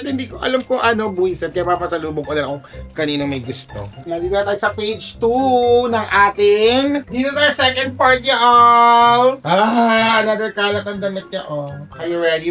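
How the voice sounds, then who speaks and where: A man with a Filipino accent hosting a casual haul vlog, campy and playful, jumping from quiet asides to loud squeals. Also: high voice. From Philippines. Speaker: vlog host.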